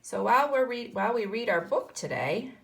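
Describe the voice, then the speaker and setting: A kindergarten teacher reads a picture book aloud to young children, explaining as she goes and asking them questions. Her voice is fairly high, gravelly and sing-song, and she speaks fairly quickly.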